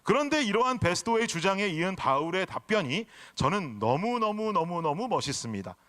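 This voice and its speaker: Middle-aged male pastor from Seoul, high-pitched and animated delivery, storytelling sermon full of questions to the congregation. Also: fairly quick. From Seoul, South Korea. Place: church sanctuary.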